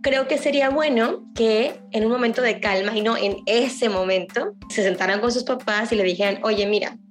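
A woman with a Mexican Spanish accent and a slightly high voice explains feelings to children. She talks gently and patiently, checks in with her young listeners through questions, and acts out little everyday exchanges. Soft music plays faintly behind her. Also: normal speed. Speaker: psychologist guest speaking to children. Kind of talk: warm explanatory talk to kids.

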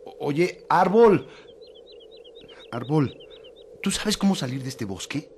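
A man playing an earnest, excitable hiker lost in the woods in a children's audio drama. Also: fairly high pitch, takes it slowly, a little hiss or hum. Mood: eager.

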